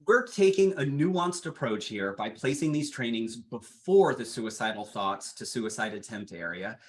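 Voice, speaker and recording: Presenting a training webinar, a man reads from his slides at a steady, even pace in an ordinary middle-pitched voice.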